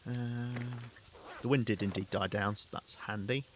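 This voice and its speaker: Bright-voiced Southern English man. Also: fairly low pitch, fairly even intonation, moderate pace, a little hiss or hum. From England. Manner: chatty, laughs often, answers chat. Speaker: game streamer. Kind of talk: casual live-stream chat.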